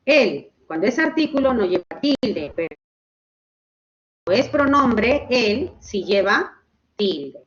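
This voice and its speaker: A woman teaching a grammar lesson online, explaining slowly and checking in with her students. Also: on the high side, sing-song, muffled recording. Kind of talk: online class lecture.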